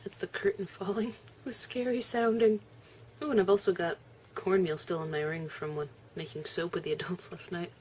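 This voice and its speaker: A woman's voice: on the low side, fairly even intonation, normal speed, a little mellow, slight background noise. A young woman chatting casually on her video blog, laughing often and chewing as she talks. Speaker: vlogger. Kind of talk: casual vlog chat.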